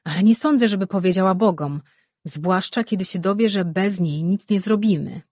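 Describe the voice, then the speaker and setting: A woman voicing a thoughtful, worried sorceress in an audiobook, reading in a husky voice. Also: medium pitch, moderate pace, darkish tone, no echo, studio quality, close to an everyday voice.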